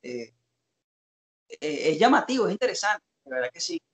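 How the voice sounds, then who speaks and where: Guy with a kinda high voice, thinking out loud, lots of ehs and pauses. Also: wildly swooping pitch. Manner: reflective, hesitant with many fillers. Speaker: co-host analyzing song lyrics. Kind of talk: casual analytical discussion.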